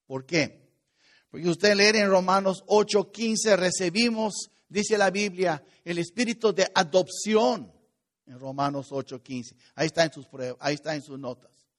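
A man preaching a sermon to a congregation, with sudden swings between loud urgency and quiet asides. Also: sits high, unhurried. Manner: preaching with sudden rises and drops in loudness. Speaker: pastor.

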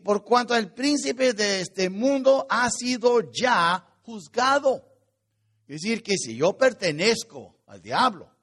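Man, pastor, high-pitched voice, sermon, loud then soft delivery. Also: husky. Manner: preaching with sudden rises and drops in loudness.

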